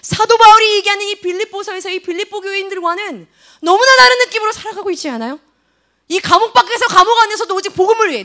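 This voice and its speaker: A woman in her thirties preaching a sermon to teenagers in a church service, animated and full of questions to the students. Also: very high-pitched. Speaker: youth ministry preacher.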